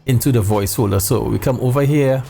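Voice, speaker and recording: A man's voice: medium pitch, fairly quick, creaky, warm tone, slight background noise. A middle-aged man giving a casual tutorial to viewers, informal and repeating phrases for emphasis. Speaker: sim racing video host. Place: indoor home room.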